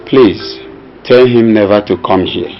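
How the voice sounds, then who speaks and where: A man's voice: lowish voice, measured pace, lightly acted. A man playing a repentant older man who apologizes earnestly, speaking in proverbs. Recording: dull lo-fi film audio with music.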